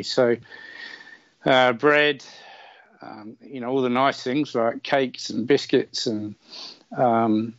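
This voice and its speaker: A middle-aged man, rambling through a story in a casual, chatty way. His voice sits at an ordinary mid pitch and sounds dry and a bit dull, like remote call audio with the high end trimmed. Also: no room sound. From England. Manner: chatty, many fillers, self-deprecating humor. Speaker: podcast guest.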